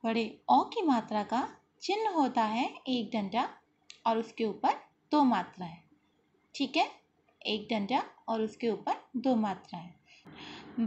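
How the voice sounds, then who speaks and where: A woman's voice: a little high, big pitch swings, a little mellow. A woman teaching young children a school lesson, explaining patiently, stretching out syllables for them to repeat, and often checking in with "okay" and "very good". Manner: slow patient explaining, drawn-out sounds repeated; frequent "ठीक है" and "very good" checks. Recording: slightly dull lo-fi audio with faint hiss.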